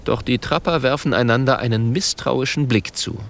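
A man reading a children's story aloud with an expressive, animated delivery. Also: medium pitch, moderate pace, creaky, a little hiss or hum. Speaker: narrator. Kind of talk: storybook audiobook narration.

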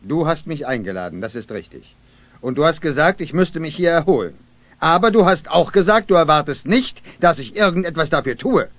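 A man's voice: a little high, animated, fairly quick, a bit bright, no room sound. A man voicing a good-natured but fed-up father in a children's radio play, emphatic and exasperated.

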